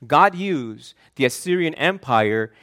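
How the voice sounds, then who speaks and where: A man's voice: fairly high pitch, lively intonation, slow pace, fairly bright tone. A man from Argentina, a pastor preaching an earnest, emphatic sermon that often repeats and restarts words.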